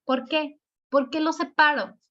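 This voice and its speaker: A woman with a Mexican accent teaching a spelling lesson, explaining patiently and drawing out words slowly to show the stress. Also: high-pitched, fairly even intonation, fairly bright tone. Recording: dull lo-fi recording.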